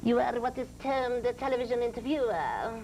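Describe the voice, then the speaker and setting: A seance medium's trance voice, pitched high like a woman's. The spirit is serene and grand, teaching in formal, deliberate phrases. There is some noise from an old TV broadcast. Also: animated, darkish tone. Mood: grand greeting.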